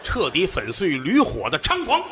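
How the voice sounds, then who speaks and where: A man performing crosstalk comedy as the lead teller, telling an animated story and jumping into the voices of the people in it. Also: high-pitched, moderate pace, music in the background. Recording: echoey hall with long reverb.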